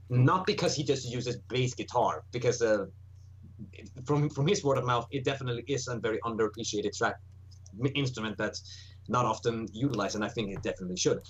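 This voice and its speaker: A man with a husky, slightly raspy voice joins a casual online chat about music. He stumbles through his opinions with lots of restarts and fillers, and his voice sits at an ordinary middle pitch. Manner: halting, full of restarts and "uh"s while sharing opinions.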